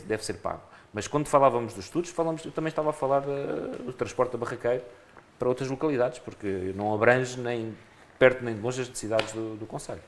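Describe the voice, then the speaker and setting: Speaking with a European Portuguese accent, a man running in a local election earnestly answers a radio interviewer's questions, frequently starting his phrases over. He has a mid-range voice.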